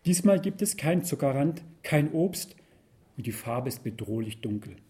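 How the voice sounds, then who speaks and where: A man reading a first-person story aloud with wry, expressive storytelling. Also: mid-range voice, moderate pace. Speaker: narrator.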